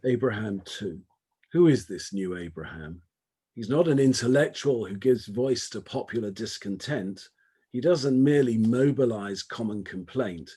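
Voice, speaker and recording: A man giving an academic lecture, speaking in a measured, emphatic way and building points through rhetorical lists. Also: fairly low pitch, a little mellow, slightly rough.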